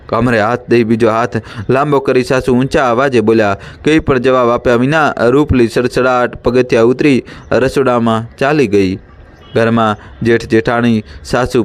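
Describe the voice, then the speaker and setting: Man narrating a story, steady pace. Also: mid-range voice.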